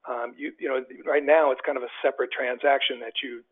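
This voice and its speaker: A man co-presenting a webinar, explaining in a measured way and repeating words as he goes. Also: mid-range voice, steady tone, breathy edge. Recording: phone-like webinar audio.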